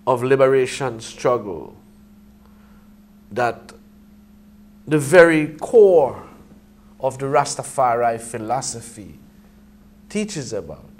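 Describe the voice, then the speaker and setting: Middle-aged male, Rasta idiom and phrasing, mid-pitched, conversational, emphatic, thinks aloud in halting bursts. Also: expressive, a little mellow. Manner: Rasta speech, with "I and I" and "I man" idiom. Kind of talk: casual Rastafari reasoning discussion.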